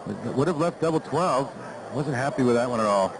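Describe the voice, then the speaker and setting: A man's voice: mid-range voice, expressive, fairly quick. A man giving analytical live darts commentary as the expert co-commentator. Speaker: expert co-commentator, former player. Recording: very noisy live broadcast.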